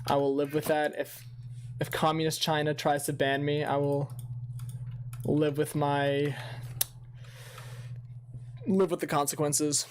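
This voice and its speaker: A man's voice: on the high side, little pitch movement, slow pace, pauses often, a little hiss or hum. A young man streaming a game, talking in a rambling, profane and self-mocking way to his viewers. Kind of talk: casual livestream gaming chat.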